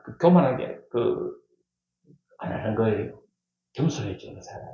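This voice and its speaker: A middle-aged male pastor preaches in a church. His pitch swings widely as he hammers home repeated key words and throws questions to the congregation. The sound is dull and lo-fi, with a strong echo from the hall. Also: gravelly, a little mellow. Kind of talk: sermon. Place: church sanctuary.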